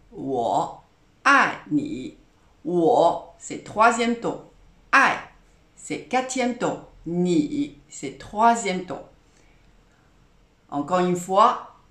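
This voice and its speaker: A woman giving an online language lesson, pronouncing each word slowly and carefully and repeating it. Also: fairly low pitch, a bit bright. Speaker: Chinese teacher. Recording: roomy echo.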